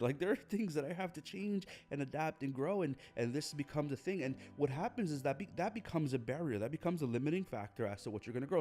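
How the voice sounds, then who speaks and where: Speaking in a darkish, mid-range voice, the young host of his own podcast delivers a heartfelt motivational monologue. He restarts and repeats his phrases often.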